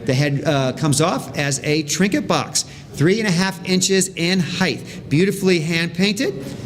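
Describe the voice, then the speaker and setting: A man's voice: on the high side, a little slow, fairly bright tone, slight background noise. A man working as an auctioneer, calling bids in a live auction with repeating patter.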